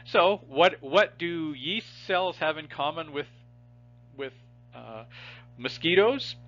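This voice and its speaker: Male lecturer with a bright, forceful voice, patient and explanatory, checking in with his students; muffled lo-fi sound. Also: fairly high pitch, animated, slow. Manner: explanatory, asks students rhetorical questions, frequent restarts. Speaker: biology instructor. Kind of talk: recorded lecture.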